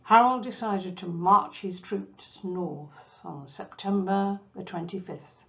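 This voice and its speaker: A woman giving a history lecture, telling the story in a measured way with asides to her listeners. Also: medium pitch, vocal fry, a bit bright, highs cut off. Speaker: cruise ship enrichment lecturer. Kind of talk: history lecture over slides.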